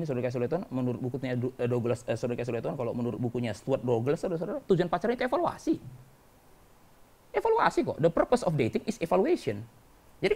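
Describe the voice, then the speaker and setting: A male pastor preaching a sermon in church, animated, mimicking quoted voices and swinging between loud and soft. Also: fairly high pitch.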